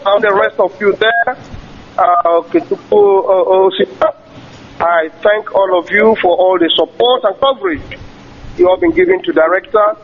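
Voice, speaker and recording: A man's voice: sits high, vocal fry, slightly rough. A man calling in by phone to a radio broadcast, heard over the phone line and addressing the listeners in long, formal greetings. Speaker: caller, barrister. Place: calling from London.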